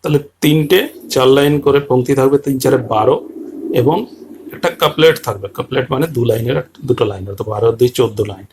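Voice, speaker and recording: A man teaching a poem in detail, patiently explaining its structure and slowly reading quoted lines aloud. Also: mid-range voice, noisy background. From Bengal region.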